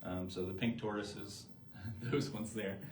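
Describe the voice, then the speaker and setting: An easygoing man with a lowish voice co-hosts a live product show. He explains each item calmly with plenty of fillers. The sound is roomy, with a faint hum behind it. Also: a little slow. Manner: easygoing and informative, with frequent fillers. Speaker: co-host presenting eyewear.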